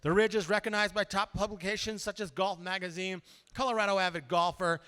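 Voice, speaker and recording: A man emceeing a live charity auction, calling levels of giving and paddle numbers with lots of energy. His voice is high and bright with a smooth, crisp edge. It rings out with the long reverb of a large event hall. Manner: energetic, rattles off bid numbers in a rapid auctioneer chant.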